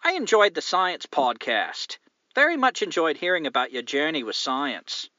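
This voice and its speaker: Man voicing a woman listener, mock Australian accent, raised lilting voice, opinionated, lively. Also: on the high side, normal speed, dry recording, lo-fi sound. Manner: reading a listener's letter aloud, opinionated. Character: woman listener from New Zealand writing in.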